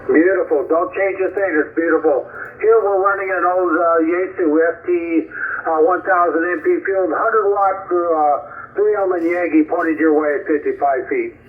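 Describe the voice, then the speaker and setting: A man's voice: high-pitched, normal speed, narrow, tinny audio. A man on a ham radio call, heard through a radio receiver, giving call signs and signal reports in a friendly, brief way. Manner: friendly, brief on-air exchange. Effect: heard over a ham radio receiver. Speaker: amateur radio operator answering a call. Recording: thin radio-band audio.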